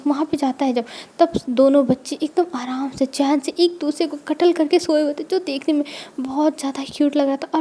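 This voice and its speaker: A woman storyteller with a high, mellow voice retells a story in a loose, chatty way. She adds quick clarifications as she goes and keeps an easy flow. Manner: informal retelling, filler phrases like "matlab". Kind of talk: storybook narration read aloud.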